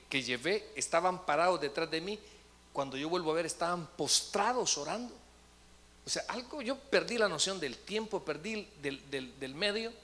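A pastor preaching a sermon, telling a story with animated delivery and acted-out voices. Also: male voice, a little high. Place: church sanctuary. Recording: echoey church hall.

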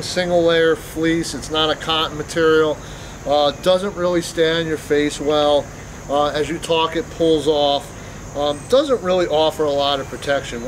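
A man's voice: fairly high pitch, rough recording. A middle-aged man giving an unscripted workplace safety talk outdoors in a parking lot, plain-spoken, with frequent ums and restarts. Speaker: company safety presenter. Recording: clear outdoor background noise.

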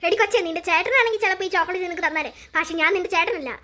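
Woman voicing a possessed cartoon boy, taunting, greedy, quick and bright. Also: very high-pitched. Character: bullying possessed older brother, boy.

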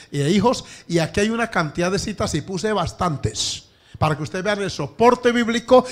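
Lively male pastor preaching. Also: fairly high pitch. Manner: lively, acts out family dialogues for the congregation. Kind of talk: sermon.

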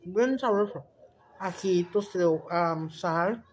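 A crude, brash woman vlogger with a fairly low voice chats casually while cooking and eating for a mukbang, speaking slowly. She's loud, swears freely, and switches between Spanish and English, with slight background noise.

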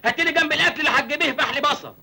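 A man's voice: very high voice, rapid-fire, sharp tone, heavily acted. An actor playing a cheeky young village man newly arrived in the city, speaking with an Egyptian accent and wisecracking in a mock-pitiful, whining way. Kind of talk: 1980s film comedy acting.

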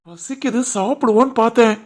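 Casting: woman playing a hot-tempered young husband in a cartoon, Tirunelveli Tamil accent, fairly high voice, scolding. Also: fairly quick, close to an everyday voice. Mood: angry. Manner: scolding, stern. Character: young husband and son, short-tempered man. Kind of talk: animated family drama voicing.

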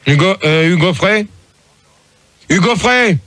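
A man's voice: sits high, lively intonation, takes it slowly, fairly bright tone. A man hosting a phone-in radio debate, blunt and irritable, stumbling over his words. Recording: noisy radio broadcast.

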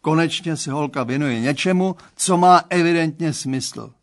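Old guy reading, putting on a loud excitable dad, big hearty outbursts, pitched way up and boomy, audiobook. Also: natural voice. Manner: effusive, theatrical outbursts. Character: jovial excitable middle-aged father.

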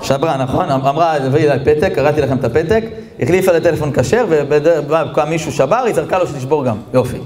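A man giving a lively Torah lesson as a rabbi, telling stories, chuckling as he talks and slowing down to stress the texts he quotes. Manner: animated, jumps into character voices and high exclamations; chuckles while talking. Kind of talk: lively sermon with storytelling.

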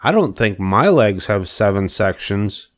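A man voicing an eager, boastful young male pig in a storybook read-aloud, with excited exclamations. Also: fairly low pitch, unhurried.

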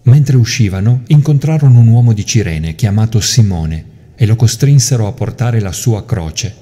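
A priest giving a measured, solemn liturgical scripture reading. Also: male voice, lowish voice, expressive, warm tone. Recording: music playing underneath.

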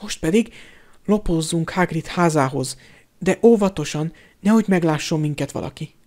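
A man's voice: on the high side, a little mellow, natural voice. A man voicing an anxious, clever schoolgirl in an audiobook, pressing and lecturing. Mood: cautious.

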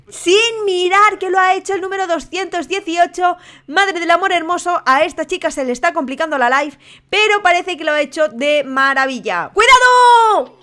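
Brief: young woman, Spain Spanish accent, high bright voice, excitable game commentary with lots of exclamations. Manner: excitable, frequent exclamations and laughter. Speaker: gaming YouTuber. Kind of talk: excitable let's-play commentary.

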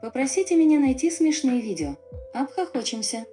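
High-pitched female smart speaker voice. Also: very animated, a little fast, mellow, soft background music. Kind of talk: synthetic smart speaker voice replies.

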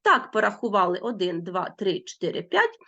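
A woman's voice: mid-range voice, sing-song, normal speed, fairly bright tone, muffled recording. A woman teacher explaining a school lesson step by step, with playful asides.

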